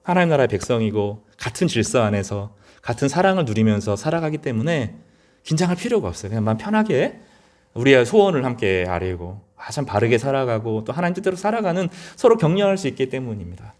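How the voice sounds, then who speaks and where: A man's voice: medium pitch, sing-song, quick pace, a little mellow. A middle-aged male pastor giving a sermon in an earnest, conversational way, often rising to emphatic peaks.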